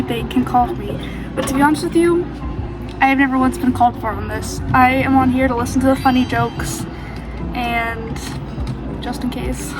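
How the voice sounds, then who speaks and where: Casting: chatty, informal woman, high voice, casual backstage vlogger, music underneath. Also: poor audio. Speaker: theatre dresser vlogging backstage. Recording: music behind the voice.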